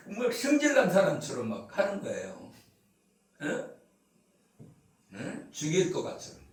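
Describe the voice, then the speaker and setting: A man preaching a sermon as pastor, asking the congregation questions and acting out scolding voices. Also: high-pitched. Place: church sanctuary. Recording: echoey hall, from far off.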